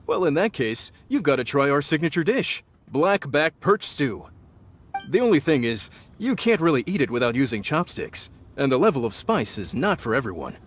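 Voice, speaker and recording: Game chef: animated, slightly high male voice, hospitable, proud, hearty. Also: moderate pace, slight background noise. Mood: proud, inviting. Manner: hearty, welcoming, explanatory. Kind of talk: anime-style video game dialogue.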